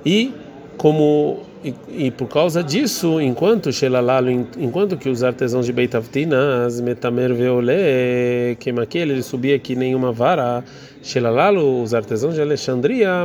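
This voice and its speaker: Man, somewhat high voice, text-study teacher who reads Hebrew aloud and translates as he goes. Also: a little mellow. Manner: reads Hebrew phrases then explains in Portuguese, hesitant. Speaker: Talmud teacher.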